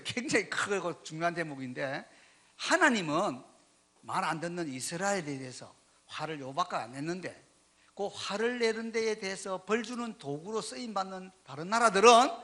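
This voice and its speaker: A man interpreting a sermon into Korean in a church, speaking with lively emphasis and leading the congregation in reading. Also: high voice, normal speed. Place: church sanctuary.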